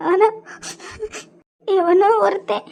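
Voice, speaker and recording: A woman with a Kanyakumari Tamil accent voicing a hurt, tearful young woman in a cartoon, talking haltingly and repeating words. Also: very high-pitched, level tone, creaky, a little mellow, heavily acted. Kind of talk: cartoon voice acting.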